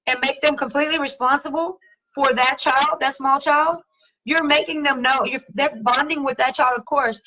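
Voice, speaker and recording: A woman's voice: sits high, bright, forceful tone, rough recording. A woman hosting a talk show, speaking bluntly and emphatically, lecturing listeners directly and swearing freely. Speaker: podcast host. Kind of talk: casual opinionated talk.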